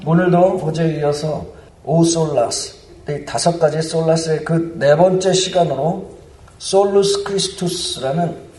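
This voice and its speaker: A man delivers a sermon with earnest, building fervor. His voice sits somewhat high for a man. He is heard from a distance across a large, echoing church sanctuary. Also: dark tone. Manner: earnest, building to fervent proclamation. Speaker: preacher. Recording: roomy church hall, mic at a distance.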